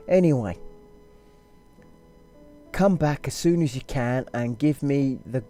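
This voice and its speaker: Brief: a man playing a coarse young sister writing home, halting put-on accent, soft dark voice over music. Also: mid-range voice, lightly acted. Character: working-class young woman writing a letter to her sister, blunt and crude.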